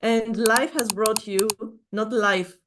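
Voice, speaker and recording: A woman hosting an education podcast, speaking in an effusive, warm way. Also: fairly high pitch, fairly even intonation, takes it slowly, background noise. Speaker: podcast host. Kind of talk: podcast interview.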